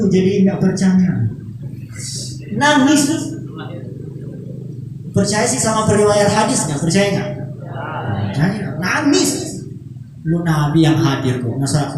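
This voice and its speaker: A man's voice: high voice, a little mellow, slight background noise. A man preaching to students, telling a story animatedly with playful asides to listeners. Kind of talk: storytelling religious talk to students. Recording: echoey hall.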